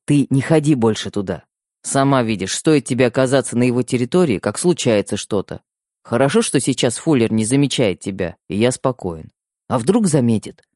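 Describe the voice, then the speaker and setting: A protective teenage boy who speaks strictly, with a weary edge, as a male reader plays him. His voice stays close to the reader's own middle pitch but moves freely. The audiobook recording is close and dry, with no room sound. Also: lively intonation, moderate pace, darkish tone, no room sound, close to an everyday voice. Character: teenage boy, protective younger brother, stern but tired. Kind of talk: audiobook character voice.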